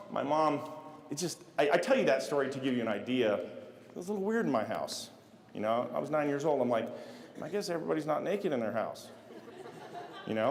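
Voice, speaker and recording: A middle-aged man from Las Vegas gives a motivational keynote, acting out his stories with sound effects. His voice sits at an everyday mid pitch. It rings out through a large hall with long reverb. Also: slight background noise. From United States (Las Vegas). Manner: animated storyteller, acting out scenes with sound effects. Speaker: keynote speaker. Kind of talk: motivational storytelling speech.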